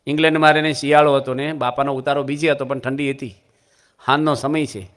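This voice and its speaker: A man's voice: medium pitch, fairly even intonation, quick pace, fairly bright tone. A man with a Gujarati accent giving a religious discourse, telling anecdotes with humorous asides to his audience. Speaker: monk preacher.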